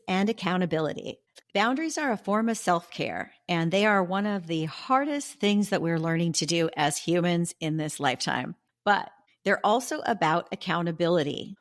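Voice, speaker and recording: A woman hosting a self-help podcast, coaching listeners warmly and repeating affirmations slowly and deliberately. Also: mid-range voice. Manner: reads prompts and affirmations twice, slow and deliberate; warm encouraging coaching tone, bursts of sassy emphasis. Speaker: podcast host.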